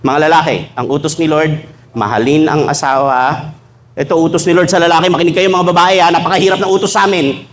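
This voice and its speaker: A man preaching in a church hall, his voice sitting a little higher than most men's. He moves easily between teaching and playful asides, acting out short conversations. Faint room noise is heard behind him. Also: fairly even intonation, quick pace. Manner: humorous, acts out dialogues in shifted voices. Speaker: pastor. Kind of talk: sermon.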